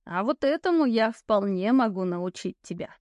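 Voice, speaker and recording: A woman reading an audiobook, voicing a sly, languid old woman ghost who tells fortunes and smokes cigars, with a slow, mocking drawl. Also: medium pitch, expressive, darkish tone, no echo, close to an everyday voice. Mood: ominous. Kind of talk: audiobook character voice.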